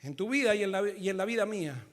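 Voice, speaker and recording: Male pastor, high voice, fervent sermon, swings loud to hushed. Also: animated, quick pace. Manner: fervent preaching that swings between loud emphatic lines and low quiet ones.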